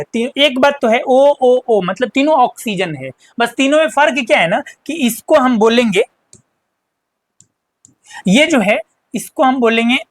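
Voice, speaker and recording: A woman teacher giving a chemistry lesson, who asks and answers her own questions and repeats key terms slowly. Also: on the high side, no echo.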